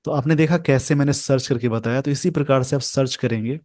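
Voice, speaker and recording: A man teaching English pronunciation over a screen share, speaking slowly and carefully and repeating sounds for his learners. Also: medium pitch, a little mellow, dry recording.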